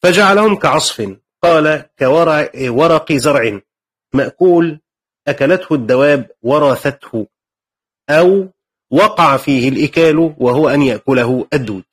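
A man's voice: fairly high pitch, lively intonation, normal speed, slightly rough. A man with an Egyptian accent teaching a lesson on a Quran commentary, explaining conversationally and checking in with his students. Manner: conversational, asks the class questions and explains. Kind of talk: lecture.

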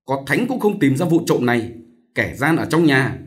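A man's voice: medium pitch, very animated, normal speed, pitched above the performer's own voice, natural voice. A man voicing an earnest young male student who explains things to his sister.

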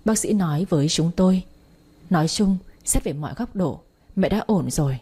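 A woman reading a first-person story aloud, with a steady, emotional delivery and dramatic pauses. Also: on the low side, breathy edge.

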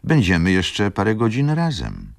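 A man's voice: lowish voice, huge pitch swings, measured pace, gravelly, no echo, voice pushed up, full character voice. A man reading a novel aloud and voicing a young aristocratic lady in a raised, thin voice. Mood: pleading.

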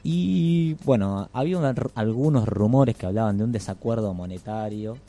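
An Argentine man co-hosting a community radio show in a low, mellow voice. He mixes the rock news with joking, self-mocking asides. Faint music runs behind him. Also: normal speed. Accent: Argentine Spanish. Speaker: radio co-host. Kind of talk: casual radio chat.

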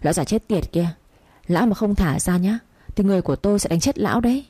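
A woman voicing a treacherous male lover who speaks fast and with open contempt. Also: mid-range voice, lively intonation, warm tone, husky, no echo. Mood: sneering. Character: sneering treacherous male lover, fake priest.

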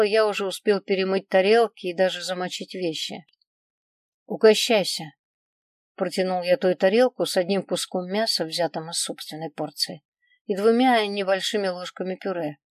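Low-voiced woman reading an audiobook. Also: normal speed, dry recording. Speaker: audiobook reader. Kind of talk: first-person audiobook narration.

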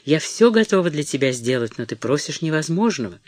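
A timid, pleading mother who falters and speaks softly, read by a man. The voice sits a little high. The sound is dry and close. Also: big pitch swings, a little fast, no echo. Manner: soft, faltering and imploring. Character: timid, pleading poor middle-aged mother.

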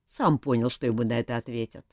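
A woman reading an audiobook, voicing a lively, cheeky young male court jester who teases and pleads. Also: rumbling low, quick pace, no echo, studio quality, voice pushed down. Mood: teasing. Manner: animated, teasing, pleading.

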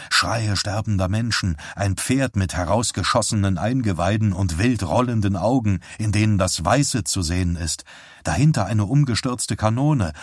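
A man reading an audiobook aloud in a grave, measured manner, close to the mic. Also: lowish voice, no room sound. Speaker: audiobook reader. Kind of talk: dramatic audiobook narration.

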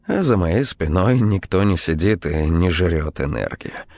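A man's voice: low voice, lively intonation, unhurried, a little mellow, exaggerated voice. A man voicing a frank, earnest young woman in an audiobook. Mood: confiding.

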